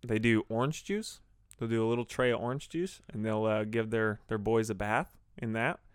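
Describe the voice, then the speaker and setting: A man hosting a podcast, telling crude stories in an animated, profane, casual way. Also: on the low side, moderate pace, clean tone, no room sound, clean studio sound. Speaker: podcast host.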